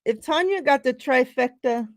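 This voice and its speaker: This sports podcast host's high voice has lively intonation at a normal speed, and the studio-quality audio has no echo. Laughing a lot and stretching out her words, she runs giveaways during a casual livestream on a remote call.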